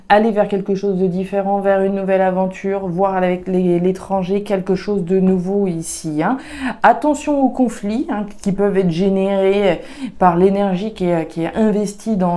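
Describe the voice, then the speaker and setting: Speaking in a mellow, medium-pitched voice, this woman reads tarot and oracle cards for her audience in a casual way. She has a regional French accent and often restarts or fills pauses as she thinks aloud.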